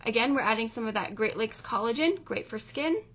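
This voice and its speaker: A co-host in her thirties gives plain, step-by-step directions during a casual demo in her home kitchen, filmed by a camera at counter distance. Her fairly bright, high-ish voice is lively in intonation and a little fast.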